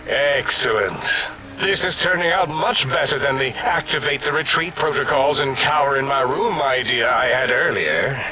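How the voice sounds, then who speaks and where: An actor playing a pompous, domineering brain-in-a-machine scientist in a video game, declaiming in an imperious, theatrical way. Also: male voice, mid-range voice, lively intonation, normal speed, natural voice, rough recording. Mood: commanding. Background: loud music.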